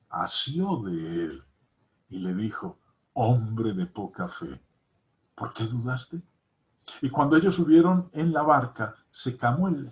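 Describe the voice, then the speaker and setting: A man teaching a Bible study lesson, reading scripture aloud and stressing key points by repeating them. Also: mid-range voice. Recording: dull lo-fi recording.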